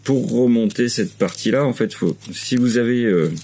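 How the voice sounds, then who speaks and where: A Frenchman in his forties, medium-pitched and warm, talks at a normal speed as he casually walks through a repair step by step in a large workshop. He's hesitant, full of "euh" and restarts, in a relaxed how-to demonstration.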